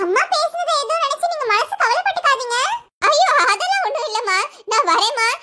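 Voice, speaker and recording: A woman's voice: very high voice, expressive, fairly quick, background noise. A woman voicing a good-natured old grandmother who sells flowers in a cartoon, talking in an easygoing, chuckling way. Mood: amused. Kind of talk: cartoon voice acting.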